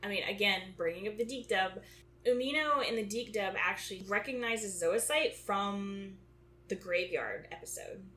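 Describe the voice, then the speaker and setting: A woman's voice: medium pitch, moderate pace, pushed and bright, echoey room, slight background noise. A woman co-hosting a podcast in casual chat, thinking aloud with frequent restarts. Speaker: podcast co-host.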